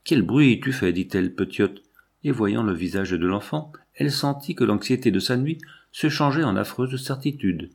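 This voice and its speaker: A man narrating a classic novel as an audiobook, in a slow, measured and solemn manner. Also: on the low side, lively intonation, gravelly, husky.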